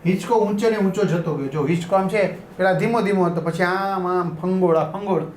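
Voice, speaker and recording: High-voiced man teaching a lesson. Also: brisk, a little hiss or hum. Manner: repeats and rephrases, checks with "right?". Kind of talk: explaining a school lesson. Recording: echoey room.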